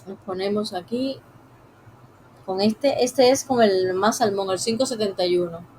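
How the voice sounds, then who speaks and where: A woman narrates a live drawing class at an easy pace, speaking directly to her viewers. Her voice sits in an ordinary middle pitch and often drops quietly as she concentrates. A faint hiss of room noise sits behind her. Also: poor audio. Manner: soft, unhurried, talks while drawing. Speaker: drawing teacher. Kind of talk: live-streamed drawing lesson.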